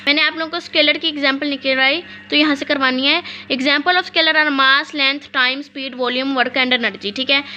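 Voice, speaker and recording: A woman teacher giving a physics lesson, reading definitions out slowly and asking and answering her own questions. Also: high voice, bright, forceful tone, lo-fi sound. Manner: explains in mixed Urdu-English, reads definitions slowly, asks and answers own questions.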